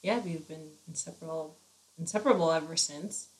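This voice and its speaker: Chill late-twenties woman cohosting a podcast, kinda low voice, lots of ums and laughs. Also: fairly quick, poor audio. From New Jersey, USA. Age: 20s. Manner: relaxed, laughs often, trails off with ums. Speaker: podcast co-host. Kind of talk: casual chat.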